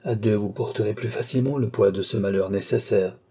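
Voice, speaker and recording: A mysterious man keeps his captive in line with calm, sorrowful persuasion, played by the reader himself. His tone is very dark and mellow, roughened by a husky edge. The storybook delivery stays gentle but never yields. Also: fairly low pitch, a little fast. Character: man, a mysterious captor, sad and insistent.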